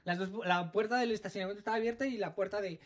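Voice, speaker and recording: Animated woman telling a story. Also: mid-range voice, racing. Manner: animated, theatrical storytelling with sing-song sound effects. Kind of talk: casual chat.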